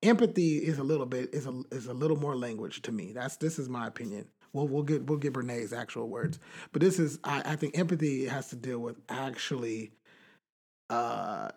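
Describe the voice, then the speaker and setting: A young adult man co-hosting a podcast, talking in a rambling, animated way with many fillers and restarts. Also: medium pitch, normal speed, breathy edge. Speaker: podcast co-host. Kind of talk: casual chat.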